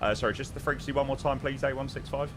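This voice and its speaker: A man making brisk, polite pilot radio calls and readbacks into a cockpit headset, with the odd filler. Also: mid-range voice, fairly even intonation, background noise. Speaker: flight sim pilot streamer.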